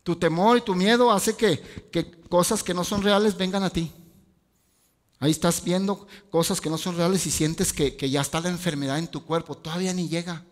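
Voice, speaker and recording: A man's voice: sits high, fairly even intonation, moderate pace. A male pastor, preaching a sermon with rhetorical questions and casual asides. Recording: long hall reverb.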